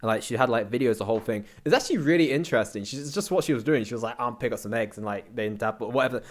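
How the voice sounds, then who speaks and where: A young British man with a medium-pitched, expressive voice races through slangy, rambling anecdotes. He's a content creator appearing as a casual interview guest.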